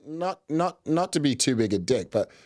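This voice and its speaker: A man's voice: mid-range voice, big pitch swings, normal speed, darkish tone. A man hosting a casual reaction commentary, rambling, sarcastic and profane. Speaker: commentary host.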